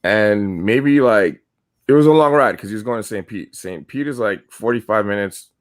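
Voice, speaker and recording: A podcast co-host from New York speaks at a moderate pace with a fairly low pitch. In casual conversation, he tells wandering, curse-filled stories with animated energy.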